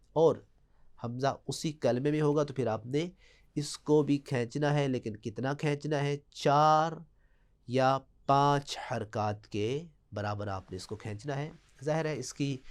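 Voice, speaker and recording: A middle-aged man with a Pakistani Urdu accent gives a recorded tajweed lesson in a smooth, clear voice. His pitch sits in an ordinary middle range for a man. He walks through each rule in plain explanation and then chants the example words slowly, holding their long vowels. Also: darkish tone. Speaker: Quran recitation teacher.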